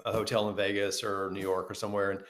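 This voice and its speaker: A man co-hosting a podcast, telling stories in a casual, animated way and acting out the people he quotes. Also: fairly low pitch, fast talker. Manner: animated storyteller, acts out quoted dialogue. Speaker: podcast co-host. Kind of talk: casual conversation, storytelling.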